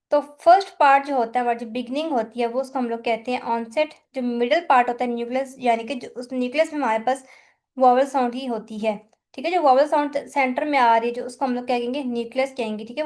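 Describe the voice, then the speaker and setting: A woman's voice: sits high, a little mellow. A woman tutor with a Pakistani accent patiently explains a lecture, often checking that students follow. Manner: patient, repeats "thik hai" to check understanding. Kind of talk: explaining a lecture in mixed Hindi and English.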